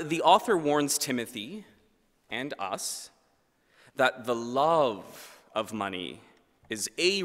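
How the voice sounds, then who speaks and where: A man in his thirties preaches a sermon from a lectern microphone in a large church, measured and earnest, his phrase endings dropping low and quiet. The recording carries a long church reverb.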